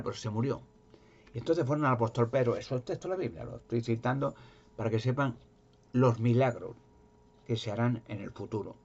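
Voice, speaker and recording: Husky man retelling Bible stories. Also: mid-range voice, highs cut off. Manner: rambling, animated storytelling with repetitions. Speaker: religious speaker.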